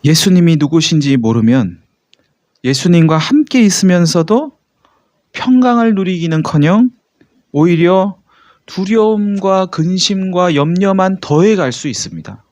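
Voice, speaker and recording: A man's voice: high-pitched, expressive, a little slow, a little mellow, dry recording. A man, a pastor, preaching a sermon in a conversational way, with many rhetorical questions to the congregation.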